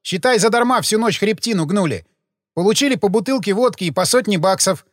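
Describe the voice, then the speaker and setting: A man's voice: high voice, lively intonation, a little fast, no echo, studio quality, voice pushed up. A man reading an audiobook, voicing a sullen, frightened male cemetery laborer who talks in agitated, defensive, slangy bursts. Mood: defiant.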